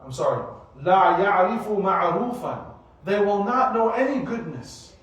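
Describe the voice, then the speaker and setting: High-pitched guy in his 40s preaching, lots of rhetorical questions, big boomy hall echo. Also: a little fast. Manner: animated, asks rhetorical questions. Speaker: mosque teacher giving a weekly study circle. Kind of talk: sermon-style lecture. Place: mosque prayer hall. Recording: very echoey hall, voice from far off.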